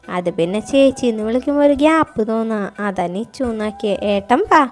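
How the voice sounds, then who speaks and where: A playful teenage boy with a chatty, teasing way of talking, read by a woman. His voice runs high and light. This is a storybook character voice. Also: expressive, a little fast, faint music behind, natural voice. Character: playful teenage younger brother.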